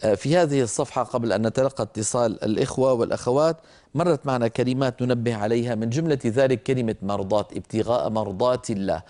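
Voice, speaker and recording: An older man teaching Quran recitation, patiently explaining and slowly stretching out words to show how they are pronounced. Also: mid-range voice, darkish tone. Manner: stretches and repeats words slowly to demonstrate pronunciation; explains patiently, addresses listeners directly.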